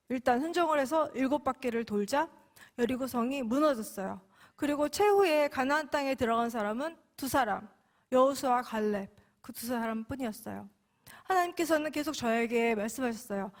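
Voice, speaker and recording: High-voiced woman giving a testimony sermon. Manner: expressive storytelling with sudden emphatic rises. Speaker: mission representative giving testimony.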